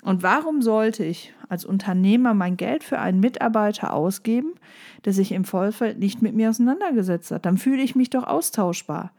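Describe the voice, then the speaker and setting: A woman coaching job applicants in a direct, lively way, speaking straight to the listener. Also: mid-range voice, moderate pace. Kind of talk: coaching monologue with tips.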